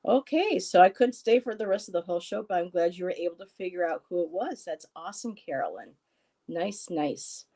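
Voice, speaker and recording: Her voice sits on the low side, mellow and animated, and she talks a little fast. She's a host in her fifties on a live stream, rambling through a casual chat with a friend, reading out viewer comments and laughing a lot.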